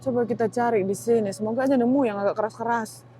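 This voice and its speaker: A woman's voice: on the high side, fairly even intonation, fast talker, warm tone, slight background noise, poor audio. A young woman chatting casually as she shops in a supermarket, thinking aloud and exclaiming at prices. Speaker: vlogger. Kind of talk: casual shopping vlog narration. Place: supermarket, indoors.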